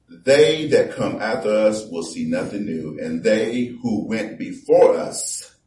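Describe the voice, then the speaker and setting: A man preaching a conversational sermon, reading scripture slowly and with emphasis. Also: on the low side, mellow. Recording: echoey room from far off.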